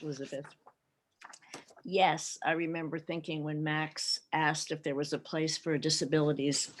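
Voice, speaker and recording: Middle-aged woman telling her story. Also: low voice. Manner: warm, reflective storytelling with light laughter. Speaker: panelist. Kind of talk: personal talk at an online panel.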